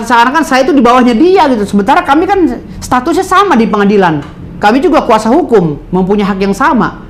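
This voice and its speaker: A man's voice: very high voice, a little hiss or hum. A man, a lawyer answering interview questions in a heated, indignant way. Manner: indignant, animated, mimics others.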